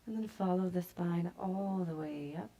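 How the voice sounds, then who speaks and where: A woman yoga teacher guiding a class with slow, soft-spoken calm cues that sometimes drop to a breathy near-whisper. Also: on the low side. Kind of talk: guided yoga instruction.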